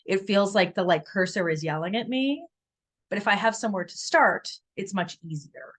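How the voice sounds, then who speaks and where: A woman in her thirties, a writing coach giving a casual, playful video lesson with self-mocking asides. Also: mid-range voice. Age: 30s.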